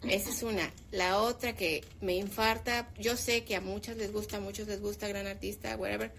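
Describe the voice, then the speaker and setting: Gravelly-voiced woman in her fifties. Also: medium pitch, moderate pace, slight background noise. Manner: opinionated, animated when making a point. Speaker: teacher. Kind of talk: casual discussion.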